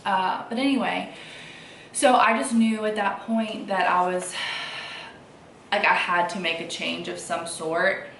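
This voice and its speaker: Speaking indoors at home, a young vlogger and mom chats informally to camera, wandering from point to point. Her voice sits at medium pitch, steady, unhurried and gravelly with frequent pauses, fairly bright yet slightly congested, recorded from a distance with echo and faint noise.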